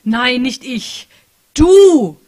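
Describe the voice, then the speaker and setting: A woman's voice: high voice, rapid-fire, husky, no room sound, clean studio sound, voice pushed up. A woman reading as a furious young programmer. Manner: loud, exasperated, swearing. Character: angry stressed young female programmer. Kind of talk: author reading a novel aloud.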